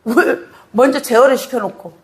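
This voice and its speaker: A woman pastor with a high voice preaches to her congregation, pressing them with rhetorical questions and often laughing. Her sermon rings around an echoey church sanctuary. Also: normal speed.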